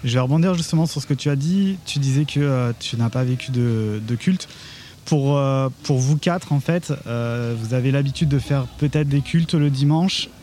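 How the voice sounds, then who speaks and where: A man co-hosting a live radio interview, asking fluent, lively questions. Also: medium pitch, moderate pace, slight background noise. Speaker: co-host.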